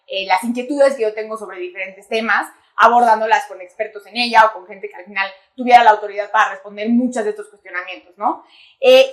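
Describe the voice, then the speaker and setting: Chatty woman host, highish voice. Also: fairly bright tone. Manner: chatty, lots of fillers "eh, pues". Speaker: podcast host. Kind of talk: casual interview hosting.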